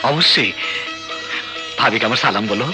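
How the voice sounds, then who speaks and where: A man's voice: mid-range voice, normal speed, lightly acted. A man playing a respectful younger brother. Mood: earnest. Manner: polite, earnest, questioning. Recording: film soundtrack with music underneath.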